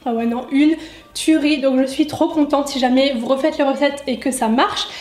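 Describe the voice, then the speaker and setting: A young woman with a high, bright-toned voice chats casually through viewer questions while cooking in her home kitchen. She is self-mocking and loose, full of fillers. The sound bounces around the room, picked up by a camera mic a little way off. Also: fairly even intonation, moderate pace, roomy sound. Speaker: lifestyle YouTuber.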